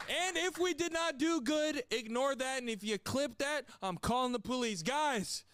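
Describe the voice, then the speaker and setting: Very high-pitched, exuberant male podcast host. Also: normal speed, a bit bright, clean tone, no room sound, clean studio sound. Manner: exuberant, playful, repetitive showman delivery. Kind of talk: hyped comedic podcast intro.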